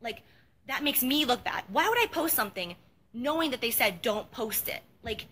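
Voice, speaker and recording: A woman's voice: a little high, lively intonation, moderate pace, fairly bright tone, a little hiss or hum. A young woman giving a rambling, emotional apology in a self-recorded vlog outdoors, repeating herself often. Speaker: beauty vlogger. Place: outdoors at night with mosquitoes.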